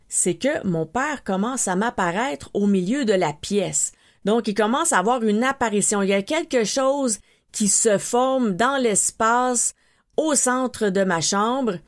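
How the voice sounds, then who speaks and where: A woman with a Québécois French accent tells a personal story as a podcast host, with a mid-range voice. She retells events in an animated way and acts out her own frightened exclamations along the way. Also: mid-range voice.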